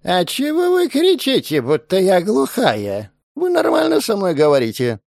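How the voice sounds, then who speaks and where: A man's voice: sits high, huge pitch swings, moderate pace, vocal fry, a little mellow, no room sound, clean studio sound, voice pushed up, full character voice. A man reading an audiobook, voicing a suspicious, half-deaf old woman who speaks in a wheedling near-whisper and snaps back sharply. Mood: sly.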